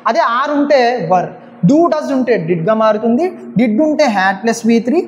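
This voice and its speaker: A woman's voice: a little high, expressive, unhurried, slight background noise. A woman with a Telugu accent coaching students for exams on English grammar, often asking rhetorical questions. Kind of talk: exam coaching lecture.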